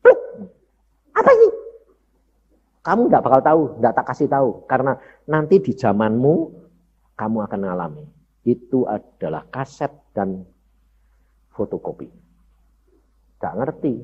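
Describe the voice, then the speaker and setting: A man's voice: mid-range voice, lively intonation, moderate pace, long pauses, darkish tone, breathy edge. A man preaching a sermon, telling a personal story and addressing the congregation directly. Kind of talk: sermon testimony. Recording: dull lo-fi sermon audio.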